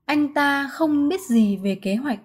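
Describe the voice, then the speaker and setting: A woman reading translations of short phrases in an even, plain manner. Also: high-pitched, a little slow. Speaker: Vietnamese translation reader.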